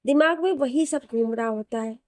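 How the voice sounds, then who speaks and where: A woman storyteller narrating a romance story in a steady, plain way. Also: sits high, moderate pace, no echo.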